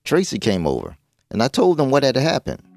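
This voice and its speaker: A man narrating a first-person animated horror story, voicing every character in quotes himself. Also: fairly quick, creaky, dry recording, clean studio sound. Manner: voices all the characters in quotes, jumping up in pitch for dialogue. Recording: narration over music.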